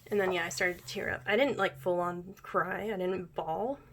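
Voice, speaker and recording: A young woman chatting casually while unboxing a music album, gushing as a fan and often dropping into excited whispers. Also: fairly low pitch, moderate pace, slight background noise.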